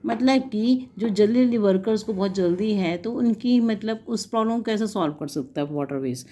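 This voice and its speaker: Woman tutor, warm mellow tone, patient homework walkthrough. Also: mid-range voice. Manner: explains in Hindi, reads English text slowly. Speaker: teacher.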